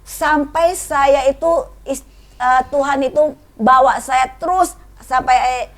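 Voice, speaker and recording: A middle-aged woman sharing a personal testimony in casual chat, an animated storyteller who laughs often and acts out the voices of the people she quotes. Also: sits high, slow pace.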